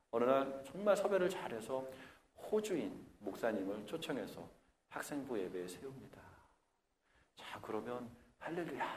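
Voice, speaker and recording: A man preaching a Sunday sermon as pastor of a Korean church, acting out complaints in a raised voice between calmer stretches. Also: mid-range voice, a little hiss or hum. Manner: animated preaching, acts out whiny complaints in a raised voice.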